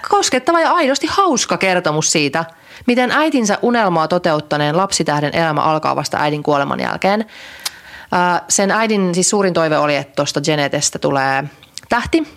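This podcast co-host, a young adult woman, has a lowish, animated, slightly bright voice. Her casual chat rambles, full of fillers and restarts.

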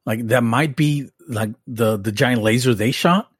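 A man's voice: mid-range voice, a little slow, slightly rough, dry recording, clean studio sound. A man co-hosting a podcast in casual chat, laid-back and amused, often trailing and restarting. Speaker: podcast co-host.

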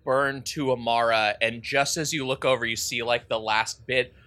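A man's voice: medium pitch, steady tone, normal speed, pushed and bright, no echo. A man narrating a tabletop game as game master, describing scenes casually with many "like" fillers.

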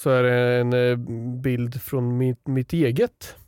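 A man's voice: medium pitch, steady tone, clear, resonant tone, no echo, studio quality. A young man co-hosting a Swedish podcast, playful and jokey in casual chat. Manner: playful, quick to shout and laugh. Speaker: podcast co-host.

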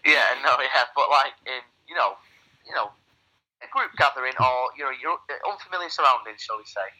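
A man's voice: mid-range voice, lively intonation, brisk, sharp tone. A man with a cold, heard through a phone speaker, rambling and joking crudely in casual chat. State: has a cold. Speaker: podcast co-host. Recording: phone call played on speakerphone.

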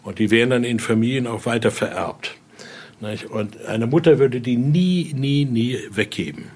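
Here a man with a mid-range, breathy-edged voice acts as guide and collector for a Voodoo altar exhibition. His casual tour leans on storytelling, with short questions often tagged onto the ends of his sentences.

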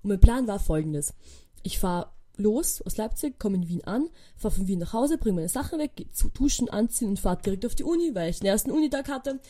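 Fast-talking young woman, mellow voice. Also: medium pitch. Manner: animated, acts out quoted dialogue, chatty with many fillers. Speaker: podcast host. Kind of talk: casual storytelling monologue.

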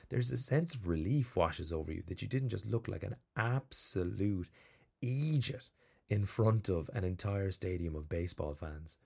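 A man hosting a podcast, telling a rambling, animated story with plenty of fillers before reading out some background. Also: on the low side, gravelly, husky. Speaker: podcast host. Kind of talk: casual storytelling monologue.

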